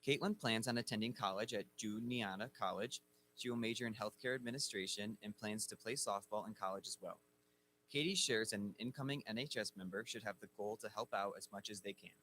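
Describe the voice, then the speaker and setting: Guy at a lectern mic reading names at a ceremony, fast and punchy. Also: fairly low pitch, a little hiss or hum, low-quality recording. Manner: formal, steady reading. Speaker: ceremony announcer. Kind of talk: reading inductee bios aloud. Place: school ceremony hall. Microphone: speaking at a lectern microphone.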